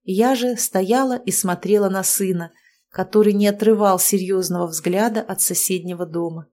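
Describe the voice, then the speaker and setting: A woman reading a first-person audiobook in a steady, wry manner. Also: medium pitch, normal speed. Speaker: audiobook reader.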